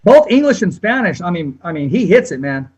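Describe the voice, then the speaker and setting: Middle-aged guy hosting a chat show, high voice, kinda raspy, casual. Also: big pitch swings, brisk, a little mellow, muffled recording. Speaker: interview show host. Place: small room at home, indoors.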